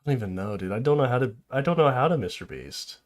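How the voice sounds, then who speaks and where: Male podcast host, mid pitch, rambly and giggly, casual back-and-forth. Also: animated, fast talker. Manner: rambling, laughs often, trails off and restarts. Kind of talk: casual chat.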